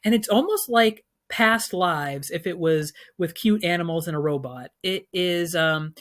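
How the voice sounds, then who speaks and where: A man's voice: sits high, a little slow, fairly bright tone. Chatty man predicting film awards. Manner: chatty and opinionated, frequent ums and uhs. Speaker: film commentator.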